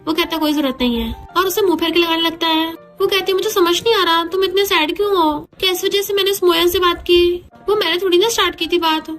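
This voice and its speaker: A woman narrates a romance drama recap at a brisk, rapid clip, her voice sitting very high. She reads each character's quoted lines in the same narrating voice, with faint music running underneath. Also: a bit bright.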